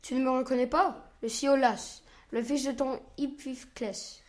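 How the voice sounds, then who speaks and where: An eager, loyal teenage boy from a storybook, voiced by a woman reading aloud. He pleads earnestly, in a high voice. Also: steady tone, measured pace.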